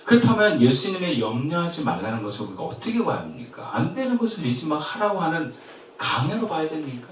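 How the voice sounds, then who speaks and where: A man from Korea preaching a sermon as pastor, in a lively way that swings from emphatic to soft and gentle. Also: a little high, quick pace, slight background noise. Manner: lively, shifts between loud and soft, quiet gentle quoted comfort. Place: church sanctuary. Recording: very echoey church from far off.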